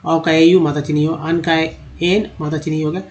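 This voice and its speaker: A man's voice: on the high side, level tone, brisk, darkish tone. A man teaching, spelling names letter by letter, repeating each word and addressing viewers as friends. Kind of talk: explaining Hindi-to-English spelling on a board.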